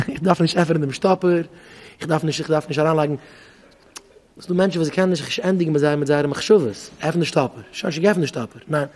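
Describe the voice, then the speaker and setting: High-voiced rabbi in a reverberant hall. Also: male voice, fast, a little hiss or hum. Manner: animated, acts out back-and-forth dialogues. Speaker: rabbi giving a talk.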